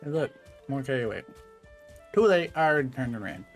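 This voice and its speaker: A man's voice: medium pitch, expressive, fast, soft background music. A young man streaming a game, chatting casually and playfully, answering his chat as he goes.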